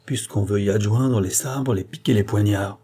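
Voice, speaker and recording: An earnest, principled doctor, read by a man who presses back with indignant, pleading questions. His voice is husky and dark. It sounds like an audiobook character reading. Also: on the low side, normal speed.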